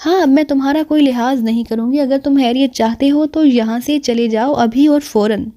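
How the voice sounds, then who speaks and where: Brief: woman narrator doing a scared but fierce young woman in a spy audiobook, high mellow voice. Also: close to an everyday voice. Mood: tense. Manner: pleading, then cold and hard. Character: frightened young woman who turns cold and fierce.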